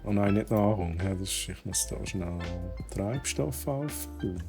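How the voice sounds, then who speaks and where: Slow-talking Swiss German gamer. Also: male voice, on the low side, expressive, vocal fry, over music. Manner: thinks aloud while playing, drops English exclamations. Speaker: gaming streamer. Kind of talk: casual let's-play commentary.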